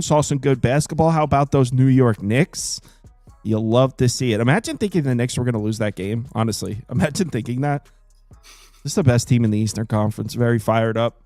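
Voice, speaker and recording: A man's voice: medium pitch, dry recording. Jokey thirty-something man hosting a betting show. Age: 30s. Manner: animated, jokey, self-deprecating. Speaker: sports betting show host. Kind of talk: casual chat.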